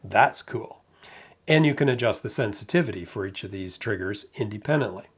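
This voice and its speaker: A man narrating a product review in a measured, matter-of-fact way with light amused asides. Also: on the low side, expressive, breathy edge.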